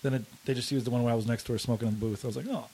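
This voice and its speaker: A husky man in his twenties, a comedian guesting on a podcast, talks very fast in a dark, whiny voice with medium pitch and fairly even intonation. He rambles through profane stories packed with fillers in casual podcast chat.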